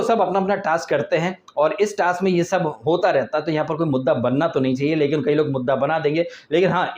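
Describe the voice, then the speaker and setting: A man giving a sarcastic, animated casual review of a reality TV episode. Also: fairly high pitch, lo-fi sound. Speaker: TV show reviewer.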